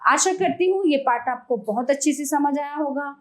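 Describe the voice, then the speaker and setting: A woman teaching a grammar lesson to young children, reading out example words slowly and clearly, and addressing them as dear children. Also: high voice, poor audio. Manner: slow, deliberate listing of example words.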